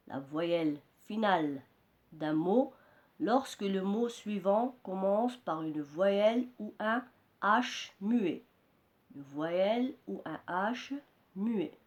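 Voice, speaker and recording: Very slow-speaking woman teacher. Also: medium pitch, a little mellow. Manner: deliberate, repeats key words for students. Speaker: French teacher. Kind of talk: slow classroom explanation.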